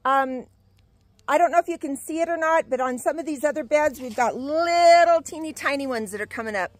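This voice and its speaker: A woman's voice: high voice, brisk, no room sound. Chatty older woman, dry sound. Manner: chatty and homey, with fillers and self-deprecating laughs. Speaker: gardening vlogger. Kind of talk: casual garden tour chat. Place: outdoors in a home garden.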